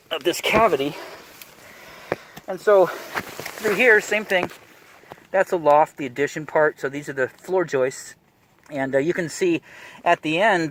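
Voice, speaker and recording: A man, a plumbing contractor, giving a casual, rambling job-site walkthrough in a cramped attic, out of breath behind a mask. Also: on the high side. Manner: quick, rambling, with fillers and restarts.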